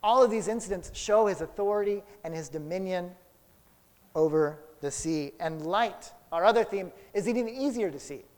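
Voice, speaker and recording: A man preaching a sermon, telling a childhood story and then drawing Bible lessons from it, with big swings between loud and soft. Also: sits high, moderate pace. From Houston area. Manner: storytelling, dramatic swings in loudness. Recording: long hall reverb.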